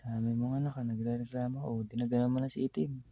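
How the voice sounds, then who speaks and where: A man chatting casually to his pet cat, teasing and coaxing her in a soft, low-key way. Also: little pitch movement, quick pace, slight background noise.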